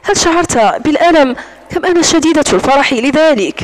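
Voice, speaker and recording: A woman's voice: sits high, expressive, brisk. A woman voicing a defiant, scornful young captive. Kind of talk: audiobook narration.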